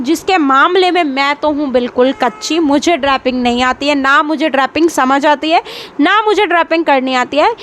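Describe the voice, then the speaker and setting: A woman's voice: high voice, fairly bright tone, slight background noise. A woman beauty vlogger narrating a casual voice-over and chatting straight to her viewers.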